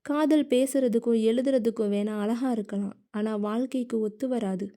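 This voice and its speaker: A woman voices a stern young man in a storybook romance, talking firmly and plainly. The tone is mellow and dark, though pitched a bit high. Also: normal speed, lightly acted. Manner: firm, lecturing. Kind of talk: audiobook character reading.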